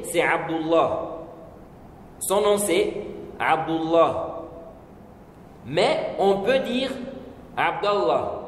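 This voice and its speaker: A man giving a religious lesson, explaining slowly, repeating points and checking with his listeners. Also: a little high, darkish tone. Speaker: religious teacher. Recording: echoey hall with faint noise.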